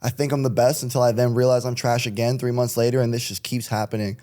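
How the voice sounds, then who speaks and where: A man's voice: medium pitch, flat delivery, quick pace, warm tone. A young man from Connecticut, a rapper chatting as a podcast guest in a laid-back, rambling way with frequent laughs. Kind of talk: casual chat.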